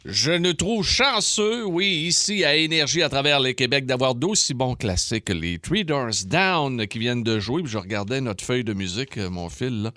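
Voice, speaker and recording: A man's voice: medium pitch, expressive, normal speed, few pauses, sharp tone, no echo, clean studio sound. A man from Quebec City with a Québécois French accent hosting a casual morning radio chat. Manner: playful, laughing banter. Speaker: radio show host.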